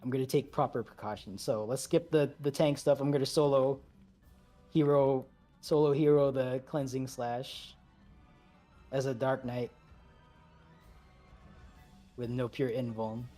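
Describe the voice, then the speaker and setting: A man's voice: medium pitch, steady tone, mellow. Man calling raid commands over game music. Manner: brisk, repeats commands, joking asides. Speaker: raid leader. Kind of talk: calling instructions over voice chat while gaming.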